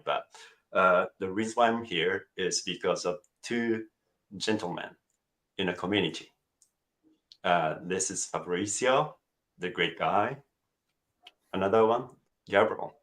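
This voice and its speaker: A middle-aged Japanese man with a low, slightly bright voice and a Japanese accent chats as a guest over a video call. It's a casual interview, and he jokes at his own expense, hesitating and using fillers.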